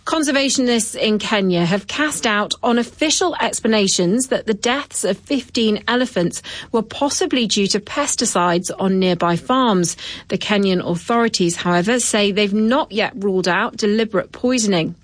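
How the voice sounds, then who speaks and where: A woman newsreader reading a scripted bulletin in a crisp, even manner. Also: mid-range voice, no echo.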